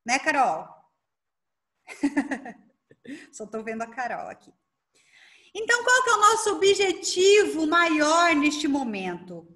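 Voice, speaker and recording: A Brazilian woman coach giving a lively online workshop, talking fast and asking herself rhetorical questions over a video call. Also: high voice. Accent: Brazilian Portuguese. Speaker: coach and speaker leading a workshop.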